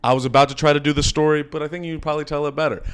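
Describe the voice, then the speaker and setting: A man's voice: on the high side, level tone, rapid-fire, clear, resonant tone. A man with an American accent hosting a podcast, chatting informally, asking questions and swearing casually. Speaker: podcast host. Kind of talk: casual interview chat.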